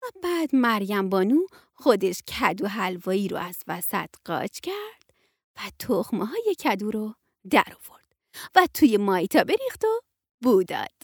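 Lively woman reading a children's story. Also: medium pitch, breathy edge, dry recording, studio quality. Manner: lively, playing each figure with her voice. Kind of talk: storybook narration.

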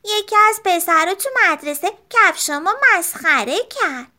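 A woman's voice: very high voice, lively intonation, sharp tone, pitched above the performer's own voice, exaggerated voice. A woman voicing a little schoolgirl who speaks earnestly and plaintively. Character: little schoolgirl, hurt but standing up.

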